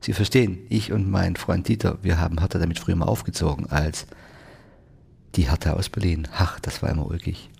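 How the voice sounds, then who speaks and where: A chuckling, eager-to-please older man, a proud grandfather bursting to show off his family, as a male reader puts him on. The voice is deep and gravelly with a husky edge. Storybook reading with a giggle always close. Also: fast talker, few pauses, darkish tone, full character voice. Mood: jovial.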